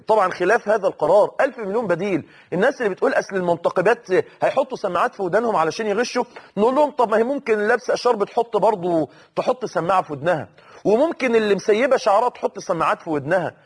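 A man's voice: high voice, expressive, very fast, husky. A man preaching a sermon in an Egyptian accent, urging his listeners with impassioned, repeated phrases. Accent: Egyptian Arabic.

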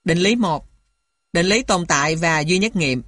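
A woman's voice: lowish voice, lively intonation, measured pace, fairly bright tone, dry recording. A woman reading scripted lesson material aloud in a methodical way, carefully spelling out each element like a lecturer. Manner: methodical, spells out symbols and punctuation.

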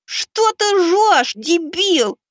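A man's voice: very high voice, big pitch swings, extremely slow, a bit bright, no echo, clean studio sound, voice pushed up, full character voice. A man voicing a mischievous young schoolboy who mocks and taunts a classmate. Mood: mocking. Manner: mocking, taunting.

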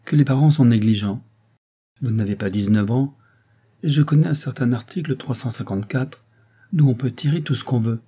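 A man with a low, dark, husky voice plays a sly, scheming middle-aged character who pretends to be humbly servile. He speaks in a fawning, wheedling tone.

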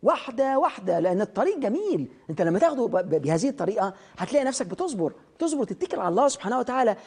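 A man with an Egyptian Arabic accent delivers a motivational lecture at a rapid clip. His voice is somewhat husky, and he speaks straight to the listener with commands and questions. He drives each point home by repeating it. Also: high-pitched, very animated, darkish tone.

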